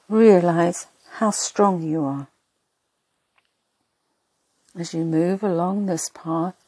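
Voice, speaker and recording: Woman, sleep meditation narration, soft husky breathy voice, slightly low pitch, hushed and soothing, very dry close sound. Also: no room sound. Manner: hushed, unhurried delivery in short, spaced phrases.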